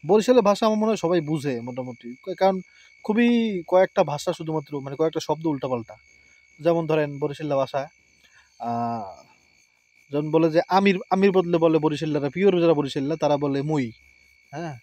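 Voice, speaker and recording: A man with a Barishal-area Bangla accent cooks outside his rural home at night, talking casually to the camera and frequently dropping in brief affirmations. He is from Barishal, Bangladesh, and his voice is high, warm, and fairly quick.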